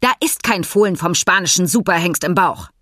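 A woman reading an audiobook, voicing a loud, choleric, heavyset male horse owner who blusters and growls. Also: on the low side, fairly quick, dry recording, studio quality. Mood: furious. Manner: explosive shouting, then dangerously calm.

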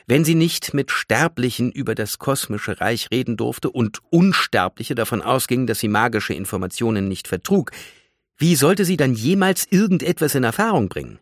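Guy reading a kids fantasy audiobook, very lively melody, dry studio sound. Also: medium pitch, moderate pace, dry recording. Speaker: audiobook narrator. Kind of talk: scripted storybook narration.

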